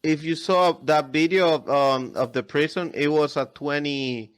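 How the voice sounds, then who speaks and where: A man's voice: fairly high pitch, fairly even intonation, measured pace, clean tone. A man chatting casually as a podcast guest in non-native English, often repeating words and restarting his phrases. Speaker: podcast guest, airsoft video creator. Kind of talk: casual interview chat.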